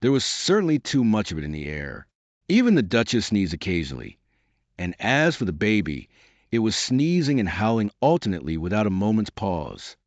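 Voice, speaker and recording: A man narrating a classic children's tale as an audiobook, in a lively, expressive way. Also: on the low side, fairly quick, dry recording, highs cut off.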